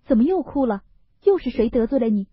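An earnest, doting young nobleman, as a woman telling the story voices him, coaxing and pleading with a lively, husky voice. The recording is dull, lo-fi and dry. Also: fairly high pitch, a little fast, no echo, voice pushed up.

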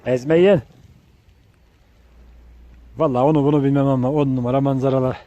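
A man's voice: medium pitch, steady tone, a little fast, mellow, muffled recording. A man filming a casual vlog outdoors in the snow at his kennel, chatting to viewers and talking sweetly to his dogs. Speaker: dog breeder showing his kennel. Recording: noisy outdoor recording.

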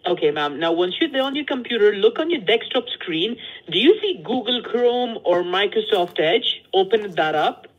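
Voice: medium pitch, expressive, normal speed. A caller posing as tech support gives step-by-step instructions over a dull, lo-fi line. The delivery is formally polite but insistent and repetitive. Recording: dull lo-fi phone call.

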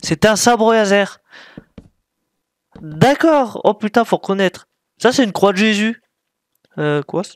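A man's voice: sits high, animated, slow, pauses often, no room sound, clean studio sound. A man giving casual gameplay commentary, thinking aloud while he plays and mocking himself with frequent apologies. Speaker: gaming YouTuber.

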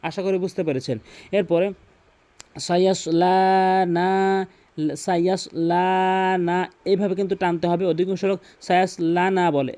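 A man's voice: high voice, darkish tone. A man teaching Quran recitation in Bengali with a Bangladeshi accent, explaining pronunciation rules step by step and repeating key points. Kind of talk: tutorial explanation with recited examples.

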